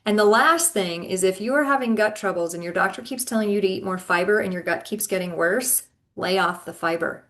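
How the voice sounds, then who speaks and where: A woman's voice: medium pitch, a little fast, fairly bright tone. A woman health coach giving advice as a podcast guest, explaining in an earnest way with frequent ums. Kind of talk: advice in casual interview.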